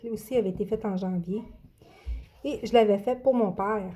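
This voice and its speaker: At a normal speed, a woman with a dark, mid-range voice walks viewers through her coloring books in a casual vlog. The adult coloring vlogger stumbles a lot, with frequent fillers and restarts.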